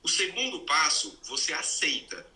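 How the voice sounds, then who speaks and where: A man hosting a live conversation, calmly explaining a series of healing steps one by one in a teaching manner. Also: a little high, normal speed. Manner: didactic, lays out numbered steps. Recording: roomy, distant mic.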